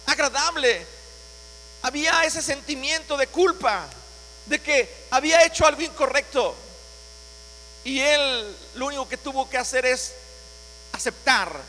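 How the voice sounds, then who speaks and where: A man's voice: extremely high pitch, sharp tone, in a large hall, a little hiss or hum, poor audio. A man preaching a sermon as pastor, dramatically voicing scripture passages. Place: church.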